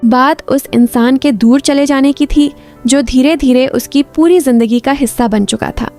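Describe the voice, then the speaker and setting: Female recap narrator, slightly high voice, smooth and even scripted storytelling. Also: normal speed, soft background music.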